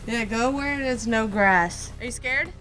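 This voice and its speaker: A woman's voice: on the high side, a little slow, fairly bright tone, rough recording. A young woman chatting casually outdoors, urging someone on in short, matter-of-fact phrases. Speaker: companion behind the camera. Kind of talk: casual off-the-cuff chat. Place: outdoors at a pond's edge. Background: music.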